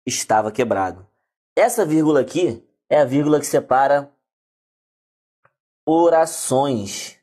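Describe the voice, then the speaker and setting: A Brazilian man teaching a lively online grammar lesson, talking straight to the viewers. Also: medium pitch, unhurried, long pauses. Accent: Brazilian Portuguese. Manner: lively, addresses viewers directly.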